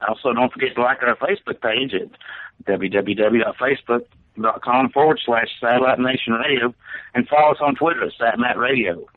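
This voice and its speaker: A man's voice: medium pitch, fairly quick. A man co-hosts a call-in radio show, heard through a thin, phone-like line. He talks loosely, with plenty of "uh"s, as he runs through prizes and plugs. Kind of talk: casual radio show hosting.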